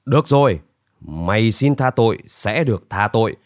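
A man voicing a stern, menacing bandit warrior in a storybook tale, talking in a gruff, commanding way. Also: lowish voice, expressive, normal speed, no echo, studio quality, close to an everyday voice. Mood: threatening. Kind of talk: storybook character voice.

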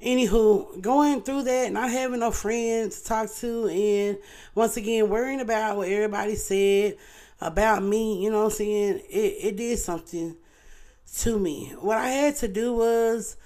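A woman's voice: mid-range voice, steady tone, measured pace, dark tone. Earnest, chatty woman talking to viewers. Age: adult parent. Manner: earnest, chatty, often asks "you know what I'm saying". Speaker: online show host. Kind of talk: casual heartfelt talk to viewers.

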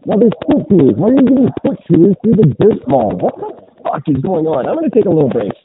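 Very animated and brisk, a man with a voice that sits high co-hosts a podcast in casual chat. The recording is a muffled, phone-like line with background noise, making him sound as if he's talking through a sweater while he rambles, swears casually and restarts a lot.

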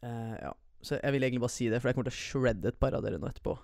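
A man's voice: mid-range voice, creaky, darkish tone, no echo, studio quality. A young man telling a personal story in a casual, profane way, slipping English slang into his sentences. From USA and Norway. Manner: profane, slangy, mixes English words into Norwegian.

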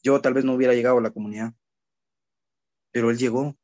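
A man preaching a sermon, who acts out children and worried adults in an animated way. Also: medium pitch, quick pace, no echo, highs cut off. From Guatemala.

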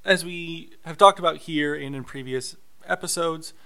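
A man co-hosting a podcast, talking through a TV episode in a measured, explanatory way. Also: a little high, creaky, sharp tone. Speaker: podcast co-host. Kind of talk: casual recap chat.

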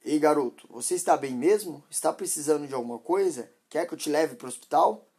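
A woman's voice: low voice, animated, brisk, mellow, slightly rough, full character voice. A woman voicing a concerned, insistent man who keeps questioning. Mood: worried. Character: concerned grown man, a passing driver.

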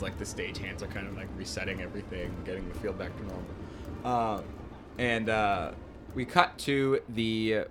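A man narrating an improvised story as game master, rambling with lots of fillers. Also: fairly low pitch.

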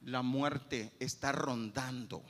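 A man's voice: mid-range voice, fairly even intonation, takes it slowly, fairly bright tone, in a large hall. A male pastor, preaching emphatically and repeating key phrases. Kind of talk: sermon.

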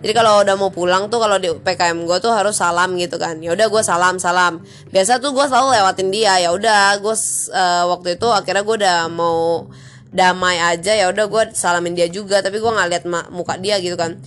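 A woman's voice: fairly low pitch, fairly even intonation, fairly quick, a bit bright, soft background music. A young woman, telling a story in a chatty, slangy vlog with exasperated venting. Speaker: vlogger.

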